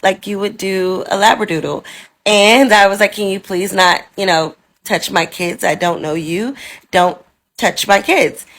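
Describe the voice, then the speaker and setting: Woman telling a story, acting out voices. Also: medium pitch. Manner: animated, acts out the other people's lines in the story. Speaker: mother telling a personal story. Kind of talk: casual storytelling to camera.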